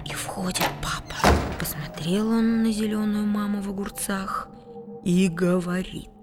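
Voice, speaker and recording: A woman narrating a children's audiobook in a playful way, with hushed asides. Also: mid-range voice, fairly even intonation, measured pace. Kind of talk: expressive children's story reading. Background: music.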